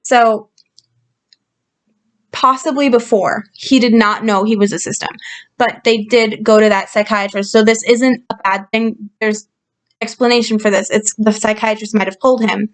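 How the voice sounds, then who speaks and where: A woman reading a story aloud and commenting on it in a calm, explanatory way, with frequent fillers, recorded on a computer's built-in mic. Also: on the high side, normal speed. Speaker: channel host reviewing a story. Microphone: built-in computer microphone.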